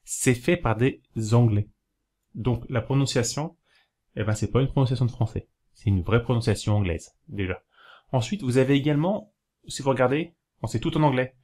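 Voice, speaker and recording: A man of ordinary pitch from France chats to his viewers in a loose, unscripted way. He wanders, restarts his sentences and fills pauses with hesitations. When he spells something out, he slows right down and takes it step by step. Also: a little mellow. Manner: rambling, hesitant, many fillers and self-corrections; explains slowly, spelling things out while writing. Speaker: video host giving learning tips. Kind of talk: casual talk to camera.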